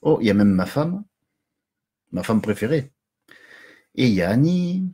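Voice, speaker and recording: A man's voice: medium pitch, big pitch swings, moderate pace, dark tone, breathy edge. A middle-aged man hosting a casual live stream from home, chatty and jokey, greeting viewers and chuckling often.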